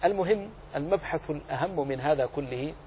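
A man teaching the rules of Quran recitation, explaining slowly, drawing out example words and asking and answering his own questions. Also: a little high, a little mellow, lo-fi sound, a little hiss or hum. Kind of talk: tajweed lesson.

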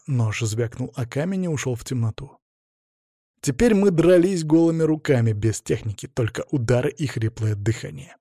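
A man narrating a first-person audiobook story in a measured, intense way. His voice is dark and husky, and it sits close and dry with no room sound around it. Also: mid-range voice, dry recording.

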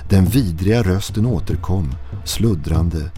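A man narrating a listener's horror story in a slow, hushed, brooding manner. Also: low voice, soft background music.

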